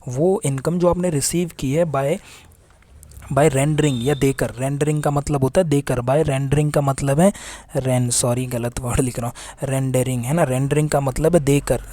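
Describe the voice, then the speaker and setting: Speaking at a measured pace in a steady, medium-pitched, dark voice, a young economics teacher lectures informally while writing on the board. He chats along, answering his own questions and acting out what pretend students might say.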